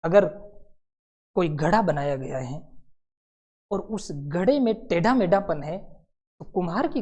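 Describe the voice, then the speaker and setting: A man teaching a lively classroom lesson for competitive exam students. He slips into storytelling mid-lecture and acts out the scenes, then turns back to the class with quick asides. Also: a little high.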